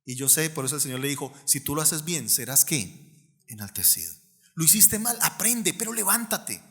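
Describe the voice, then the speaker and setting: Colombian pastor guy preaching, bright forceful voice, big echoey hall. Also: a little high, normal speed. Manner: animated, acts out quoted voices. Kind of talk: sermon.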